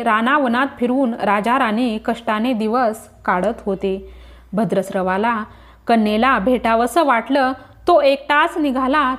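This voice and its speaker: Slow-reading woman storyteller. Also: on the high side. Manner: measured, even storytelling.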